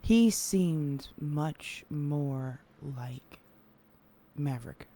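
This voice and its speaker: A man in an in-character roleplay conversation, speaking in a measured way and sometimes dropping to a hushed whisper. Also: on the high side, slight background noise. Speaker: roleplay player.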